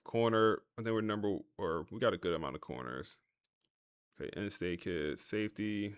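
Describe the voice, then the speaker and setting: A man's voice: on the low side, normal speed, clean tone, no room sound, studio quality. A man hosting a gaming livestream, chatting casually to his viewers in a laid-back, talkative way while he plays. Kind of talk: casual live-stream commentary.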